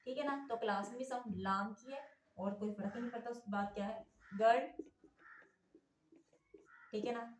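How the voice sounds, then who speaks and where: A woman gives a phonics lesson in a room that rings with echo. Her voice sits a little high. She spells example words letter by letter and keeps asking "theek hai na" to check in. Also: a little mellow, slight background noise. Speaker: English teacher.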